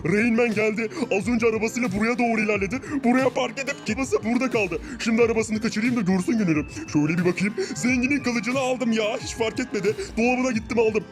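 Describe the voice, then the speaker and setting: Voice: medium pitch, close to an everyday voice. A performer voicing a scheming young male prankster in a block-game cartoon parody, gleeful and mocking.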